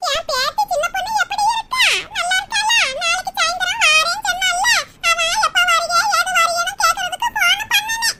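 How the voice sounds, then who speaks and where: Squeaky cheeky cartoon granny. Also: brisk, hardly any pauses, music in the background. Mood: chirpy. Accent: Tirunelveli Tamil. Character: cheeky old grandmother on the phone, well-fed and cheerful. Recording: loud background noise.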